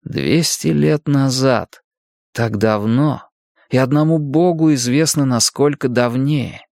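Male narrator, mid pitch, steady measured reading, dry booth sound. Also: gravelly, no room sound. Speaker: audiobook narrator. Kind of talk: scripted narration.

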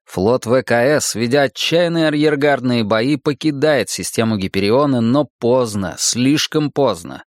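A man narrating a first-person audiobook in a measured, dramatic reading. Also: mid-range voice, dry recording, clean studio sound.

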